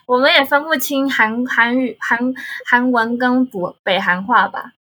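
Bright Taiwanese-accented woman, slightly husky. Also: on the high side, normal speed. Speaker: guest, language tutor. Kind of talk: casual conversational storytelling.

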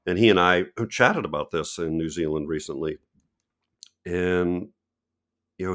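A man talking as a guest photographer in a podcast interview, reflective and unhurried, often restarting and correcting himself mid-sentence. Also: deep voice.

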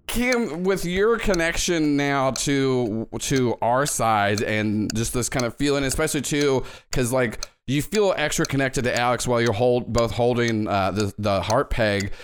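A man's voice: medium pitch, a little slow, few pauses, slight background noise. A man narrating a tabletop role-playing game as game master, in a casual, rambling, conversational way.

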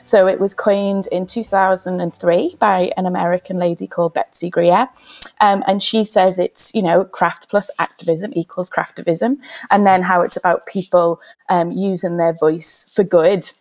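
A woman's voice: on the low side, fairly even intonation, normal speed, a little mellow. A woman speaking as an interview guest, explaining her work in an informal, conversational way. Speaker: guest, activist and author.

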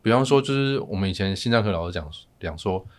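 Podcast guest, male, lowish voice, Taiwanese Mandarin accent, explanatory and informal. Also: expressive, fast talker. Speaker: family physician guest. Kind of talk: casual podcast interview.

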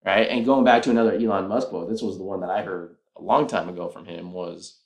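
Solo podcast host, male, lower voice, earnest persuader working through the numbers. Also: steady tone, fairly quick. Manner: earnest, persuasive, walks through math step by step. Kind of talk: casual solo podcast talk.

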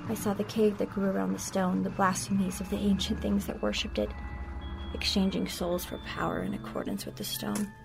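A woman narrating a horror story in a hushed voice that often drops to a whisper. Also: medium pitch, a little fast, vocal fry. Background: music.

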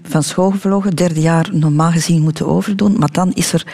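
A man's voice: a little high, steady tone, fairly quick, creaky, a little mellow. A man hosting a radio interview, steering his guest with prompting questions. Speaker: radio host.

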